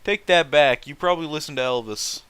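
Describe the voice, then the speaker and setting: Reading fan fiction aloud as host, a man swears, sounds disbelieving and keeps stopping to react with mocking remarks. He speaks a little fast, on the high side, with a fairly bright, clean tone and no echo.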